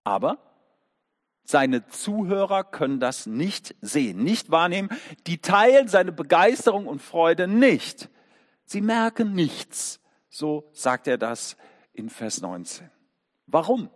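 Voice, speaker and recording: A man preaching a sermon, telling the story vividly and asking his listeners rhetorical questions. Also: fairly high pitch. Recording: long echoing church reverb.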